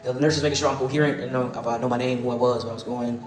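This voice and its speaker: A young man tells a story to camera in a rapid, profane, laughing way. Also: mid-range voice, fairly even intonation. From Baltimore, USA. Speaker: storytime vlogger. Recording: echoey room with music behind.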